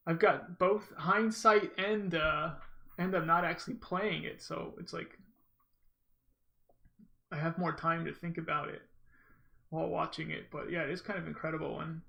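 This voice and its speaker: A man's voice: fairly high pitch, vocal fry, pushed and bright. A man giving casual, rambling gameplay commentary as a speedrunner, often breaking off and restarting his thoughts. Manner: rambling, informal, self-interrupting storytelling. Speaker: gamer, speedrunner commentating own run.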